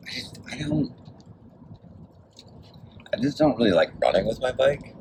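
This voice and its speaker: A very deep, gravelly male voice, worn out and sore, chatting in a loose, meandering way into a handheld camera outdoors. He pokes fun at himself and keeps the talk relaxed. A faint hum of noise sits behind him. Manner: rambling, laid-back, self-deprecating. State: tired and sore. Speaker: vlogger and amateur cyclocross racer. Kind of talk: casual video diary.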